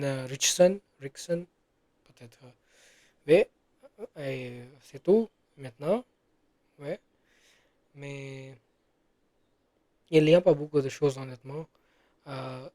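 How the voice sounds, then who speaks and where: Slow, hesitant man, dry close sound. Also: a little high, warm tone, no room sound. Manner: hesitant, many fillers and self-corrections. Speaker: French learner. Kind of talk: casual spoken practice monologue.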